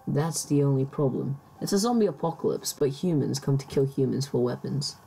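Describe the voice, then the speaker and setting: A woman's voice: extremely low pitch, fairly quick, gravelly, mellow, slightly rough. A woman vlogger musing aloud in casual chat, hesitant, with many restarts.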